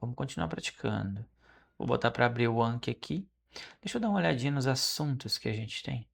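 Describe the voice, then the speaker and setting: A Brazilian Portuguese speaking man studying French aloud, repeating phrases slowly and correcting himself as he goes. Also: mid-range voice, expressive, vocal fry. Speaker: language learner streaming his study. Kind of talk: casual study vlog, thinking aloud.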